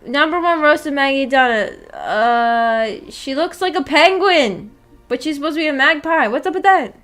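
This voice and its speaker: A woman streamer with a high, slightly bright voice chats casually with her viewers, reading their messages and answering them. She's giggly and slangy, teasing them playfully throughout this relaxed livestream.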